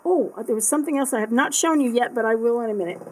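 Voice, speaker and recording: A woman with a slightly high voice talks her way through an unboxing video. She rambles and thinks aloud, trailing off and restarting with plenty of fillers in a casual, unscripted way. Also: fast talker, a little mellow, a little hiss or hum, poor audio. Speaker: art supply unboxing vlogger.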